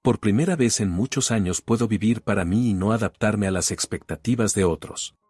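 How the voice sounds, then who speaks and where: A man voicing a calm, resolute wronged wife. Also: lowish voice, a little fast, slightly rough, no room sound, clean studio sound, soft background music. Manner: cool, resolute, sparing words.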